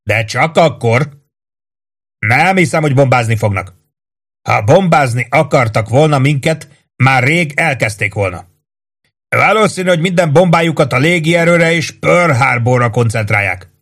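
A man reading an audiobook, voicing a gruff army first sergeant who shouts orders at his troops in a loud, raised voice. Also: mid-range voice, expressive, pitched above the performer's own voice. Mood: commanding, shouting. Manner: barks commands, curses, loud and emphatic.

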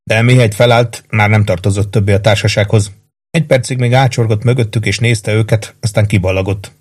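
A man narrating a novel in a subdued, low storytelling voice. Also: fairly even intonation, slightly rough. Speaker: audiobook narrator. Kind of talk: scripted narration.

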